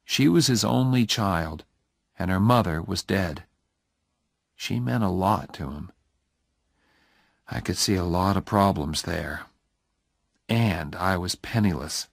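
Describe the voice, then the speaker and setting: A man narrating an audiobook story in a slow, steady, deliberate reading. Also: deep voice, creaky, no echo, clean studio sound.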